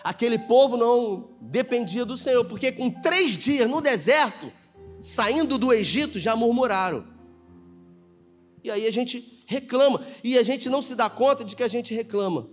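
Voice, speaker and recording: Brazilian male pastor, high-pitched, lively live sermon in church, soft music behind. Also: normal speed. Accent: Brazilian Portuguese. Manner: animated preaching, acts out dialogue in voices. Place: church sanctuary.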